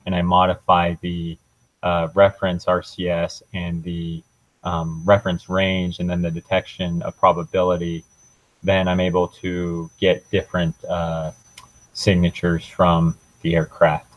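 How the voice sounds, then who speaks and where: In a rough recording, a low-pitched, monotone young man stumbles through a software demo. He's a student giving an informal technical talk, hesitant and halting throughout.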